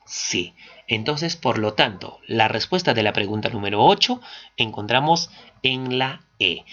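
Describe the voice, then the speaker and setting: A man teaching, walking through exam questions one by one, asking and answering his own questions. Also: mid-range voice. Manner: steady explanatory, asks and answers own questions. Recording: dull lo-fi recording.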